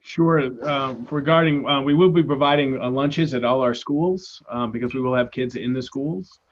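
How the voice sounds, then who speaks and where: A man's voice: medium pitch, normal speed, highs cut off, a little hiss or hum. A man, a school administrator, answering questions hesitantly on a video call. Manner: hesitant, agreeable.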